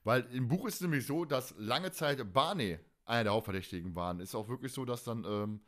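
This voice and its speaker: This podcast host runs a fan show in a casual, chatty style, speaking colloquially and emphatically and rambling as he goes. His voice is mid-range, a little fast and fairly bright.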